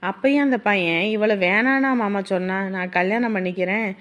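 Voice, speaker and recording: An actress playing a village daughter-in-law, speaking in an outspoken, aggrieved way. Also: female voice, medium pitch, moderate pace, lightly acted. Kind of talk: village family drama.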